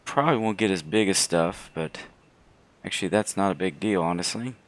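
A man with a slightly hoarse voice giving casual, unhurried, low-voiced commentary as host of a gaming video. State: hoarse from throat trouble.

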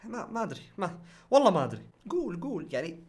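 A man's voice: sits high, very animated, very fast, a little mellow. A young man, hosting a casual reaction vlog in a playful way and laughing often. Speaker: YouTuber host.

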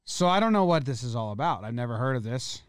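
A man's voice: medium pitch, sing-song, fast, clean tone, dry recording, studio quality. A man co-hosting a comedy history podcast, chatting jokily and reading notes aloud. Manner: jokey, self-deprecating, reads notes aloud. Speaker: podcast co-host.

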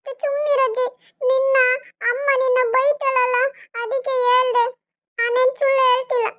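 A woman's voice: very high-pitched, little pitch movement, moderate pace, fairly bright tone, lo-fi sound, pitched above the performer's own voice. A woman doing a chatty little village boy. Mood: complaining. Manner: whiny, pleading, talks nonstop. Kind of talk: cartoon voice acting.

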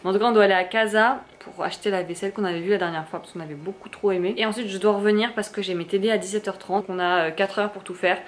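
A woman's voice: mid-range voice, fairly even intonation, quick pace, few pauses. A young woman from France chatting casually in a vlog, with lots of fillers and restarts. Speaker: vlogger.

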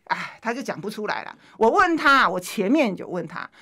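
A woman's voice: medium pitch, very animated, normal speed, bright, forceful tone. A woman legislator, a guest on a political talk show, speaking in an indignant, emphatic way and firing off rhetorical questions.

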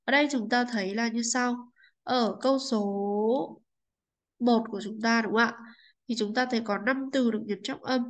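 A woman's voice: on the high side, fairly even intonation, moderate pace, low-quality recording. A woman English teacher explaining a textbook lesson, politely checking understanding with frequent tag questions.

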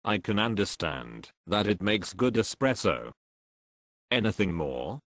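Low lively-voiced guy, swedish first language, deadpan birthday skit, dry room. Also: unhurried, dry recording. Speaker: host of home birthday video. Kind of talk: home video skit.

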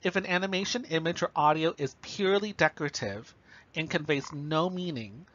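A man with a slightly higher voice delivers a recorded lecture, explaining each point plainly and checking in with "okay" and "right". The recording is a bit muffled and lo-fi. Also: moderate pace, a bit bright, a little hiss or hum.

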